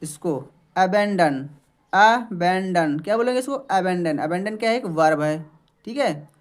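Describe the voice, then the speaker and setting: Explaining English words in Hindi, this expressive, high-voiced male teacher runs a patient classroom-style pronunciation drill. He models each word by saying it slowly and repeatedly, asking his own questions, answering them, and tossing in a checking "okay."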